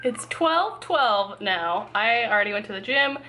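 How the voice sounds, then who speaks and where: A woman's voice: medium pitch, animated, measured pace. A young adult woman chatting casually and explaining things to camera, sitting in a parked car in pouring rain. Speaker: vlogger. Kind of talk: casual vlog chat to camera. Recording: noisy rain drumming on car. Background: loud rain on the car.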